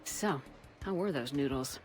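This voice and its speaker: A female military commander from a video game, with a low, controlled voice. She is concise and dry-witted, with a resolute core. Music plays clearly behind her. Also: animated, a little slow. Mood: dryly amused. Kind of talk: video game character dialogue.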